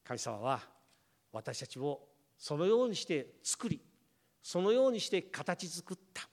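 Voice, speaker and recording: A man's voice: on the high side, big pitch swings, a little slow, darkish tone. A man preaching a sermon as pastor, telling a family story and acting out the voices of his family before addressing the congregation directly. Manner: storytelling, acts out family members' words. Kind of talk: sermon with personal anecdote.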